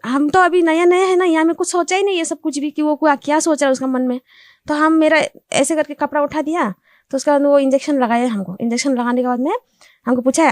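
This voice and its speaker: A woman's voice: sits high, a little mellow, no echo, studio quality. A young woman recounting an incident to reporters in plain, repetitive Hindi, growing agitated and insistent as she tells it. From Assam. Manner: speaks Hindi with non-standard grammar, repeats "ऐसे बोला". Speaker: complainant interviewed.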